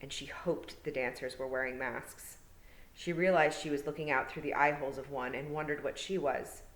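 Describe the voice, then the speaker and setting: A woman teacher narrating a storybook aloud in a calm, measured way. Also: extremely low pitch. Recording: roomy, echoey room.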